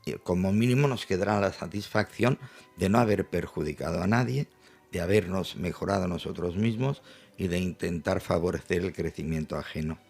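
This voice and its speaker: An older man, a psychologist guest in a panel discussion, speaking in a measured, reflective way and laying out his points in order. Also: low voice, creaky, darkish tone, faint music behind.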